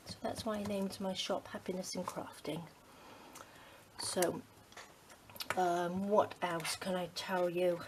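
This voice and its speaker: A middle-aged English craft channel host chats casually and rambles in a lowish voice filled with ums, her delivery flat and slow. While she crafts, she often drops to a soft, near-whispered murmur. A faint hiss runs beneath the recording.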